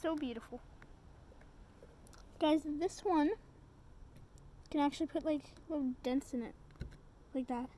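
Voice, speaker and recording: A woman's voice: sits high, fairly even intonation, a little slow, pauses often, dark tone, a little hiss or hum. A young woman vlogging casually with her dog, chatty and rambling, gushing in baby talk. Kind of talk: casual vlog chat.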